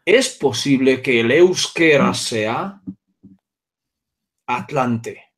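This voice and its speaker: A man's voice: medium pitch, expressive, very slow. A man with a Hungarian accent, a native Hungarian speaker, explaining at length in an interview with many asides and checks on his listener. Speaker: guest speaker.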